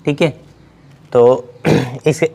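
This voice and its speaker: A man's voice: mid-range voice, steady tone, extremely slow, mellow. A man teaching a science lesson, explaining step by step and repeating key words as he writes on the board. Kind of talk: blackboard lesson.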